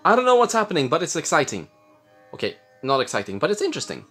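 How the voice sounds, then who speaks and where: A drunk man from Sweden, giving rambling, halting and blurting casual commentary as he reacts to a film. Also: fairly high pitch, wildly swooping pitch, a bit bright. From Jämtland, Sweden. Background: film soundtrack, faint music.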